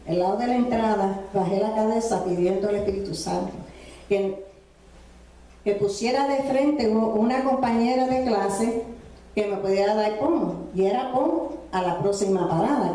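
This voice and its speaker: A woman's voice: medium pitch, mellow. A woman preacher, telling a testimony in a sermon, full of fillers and tag questions. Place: church. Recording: echoey church from far off.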